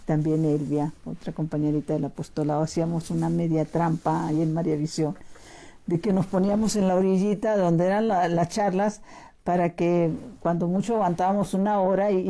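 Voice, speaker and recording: A middle-aged woman telling a faith testimony to her listeners, addressing them as brothers and shifting between lively rising emphasis and hushed, near-whispered passages. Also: on the low side, gravelly. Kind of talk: testimony sermon.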